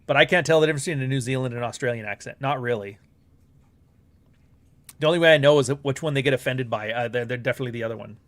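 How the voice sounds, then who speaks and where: Very fast and fairly bright in tone, a medium-pitched male voice belongs to a middle-aged Canadian hosting a laid-back live stream. He has a Canadian accent, speaks bluntly, curses frequently, and drifts into rambling asides.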